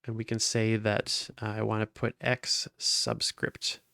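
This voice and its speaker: Male instructor, low voice with some fry, plain step-by-step explaining. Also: flat delivery, a little slow, bright, forceful tone, dry recording, clean studio sound. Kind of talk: screen-recorded coding tutorial.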